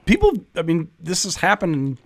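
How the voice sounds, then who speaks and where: Lively, high-pitched male podcast host. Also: fairly quick, dry recording. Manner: enthusiastic and chatty, says "dude". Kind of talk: casual interview chat.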